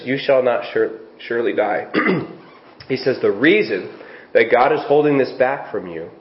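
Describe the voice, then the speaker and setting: A man preaching a sermon as pastor, reading scripture aloud and asking rhetorical questions. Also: mid-range voice. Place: church sanctuary. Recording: echoey, dull church recording with faint hiss.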